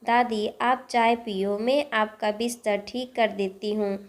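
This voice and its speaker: A woman voicing an innocent, caring young granddaughter who coaxes softly in a storybook reading. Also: on the high side, steady tone, a little slow, close to an everyday voice. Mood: coaxing, caring.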